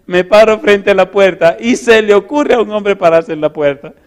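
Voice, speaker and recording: A middle-aged man preaching, telling a story with laughter and big swings from loud to hushed. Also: high-pitched, normal speed. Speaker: pastor. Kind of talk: storytelling sermon.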